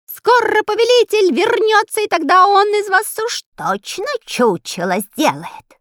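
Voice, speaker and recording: A woman voicing a small, spiteful male parrot that screeches and shouts in a frantic, drawn-out way, read for an audiobook. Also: very high-pitched, very animated, dry recording, studio quality, voice pushed up, heavily acted. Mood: shrieking. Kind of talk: audiobook character voice.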